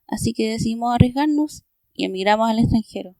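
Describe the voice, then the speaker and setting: A woman answering interview questions in a calm, matter-of-fact way. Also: fairly high pitch, fast, creaky, no echo. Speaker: interview guest.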